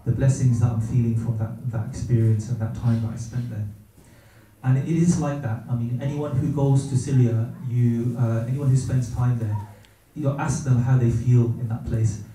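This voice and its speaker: A middle-aged man giving a gentle, reverent religious talk about his own experiences, pausing often as he searches for words. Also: medium pitch, steady tone. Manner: gentle, reverent, hesitant with many pauses and fillers. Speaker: speaker sharing personal experience. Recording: very echoey room, distant from mic.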